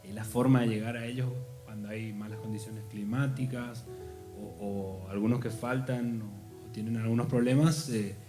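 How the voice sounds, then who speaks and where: A man's voice: on the low side, steady tone, normal speed, dark tone. A man, a rural teacher, plainly explaining in a casual discussion. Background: guitar music.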